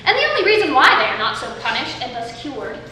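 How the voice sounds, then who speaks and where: A woman's voice: high-pitched, very animated, fast, bright, forceful tone, exaggerated voice. A woman on stage playing a witty, teasing young heroine disguised as a youth, declaiming playfully in Shakespearean style. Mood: teasing, animated. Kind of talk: live Shakespeare stage acting. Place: stage performance, recorded from afar. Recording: distant, echoey stage recording with faint noise.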